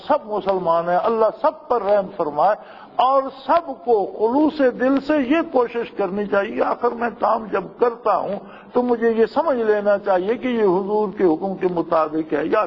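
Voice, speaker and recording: A man giving a sermon, emphatic and full of rhetorical questions. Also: sits high. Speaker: preacher. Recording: muffled with long hall reverb.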